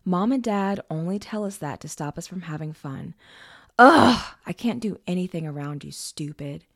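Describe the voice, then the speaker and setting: A woman's voice: lowish voice, expressive, normal speed, no echo, clean studio sound. A woman voicing a bratty, defiant young boy who whines and mocks. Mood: scornful. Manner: whiny, mocking.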